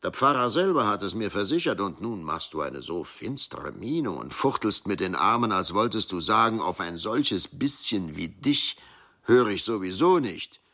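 A man's voice: on the low side, sing-song, moderate pace, pushed and bright, exaggerated voice. A man voicing a pious young wife who coaxes and presses her husband for answers. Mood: coaxing, insistent. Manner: pleading, coaxing.

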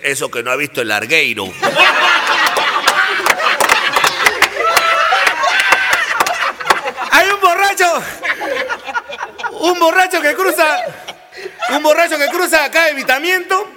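A man telling jokes on the radio, animated and laughing at his own punchlines. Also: very high-pitched, background noise. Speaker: radio comedian. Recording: long hall reverb.

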